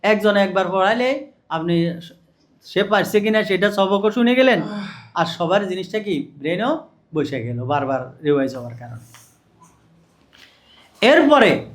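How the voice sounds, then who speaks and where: A man with a high-pitched voice lectures on teaching Quran reading. He keeps asking questions and answering them himself. He slows down to drill syllables one at a time. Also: lively intonation. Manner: asks and answers his own questions, drills syllables slowly.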